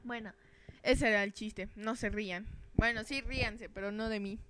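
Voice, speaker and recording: A woman's voice: on the high side, fairly even intonation, moderate pace, noisy background. A young woman, joking and rambling in a self-mocking, crude way while commenting on a game. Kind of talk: casual gameplay commentary.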